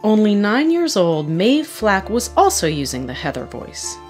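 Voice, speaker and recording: Lively woman narrating a report. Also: mid-range voice, measured pace, soft background music. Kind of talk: scripted narration.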